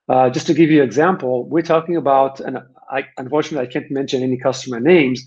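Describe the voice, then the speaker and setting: A man's voice: mid-range voice, darkish tone. A man with an Israeli accent giving a conversational webinar presentation, explaining his points emphatically and repeating phrases to drive them home. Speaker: webinar presenter from a software vendor. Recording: dull, band-limited webinar audio.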